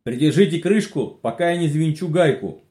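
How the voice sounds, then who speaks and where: A high, clipped boy's voice rises hollow and muffled through a long tube from underwater, as a male storyteller puts it on. The tone is dark and soft-edged rather than bright, and sounds distant and boxed-in. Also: expressive, fairly quick. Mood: terse, calm. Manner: terse, clipped replies. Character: boy inventor sealed in a homemade submarine. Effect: hollow, muffled voice coming up through a tube. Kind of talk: audiobook reading.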